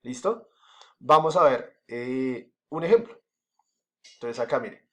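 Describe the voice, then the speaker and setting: With a medium-pitched, fairly bright voice and lively intonation, a Colombian-accented man teaches slowly in a recorded school lesson. He breaks things down step by step, uses lots of fillers, and keeps checking that the class follows.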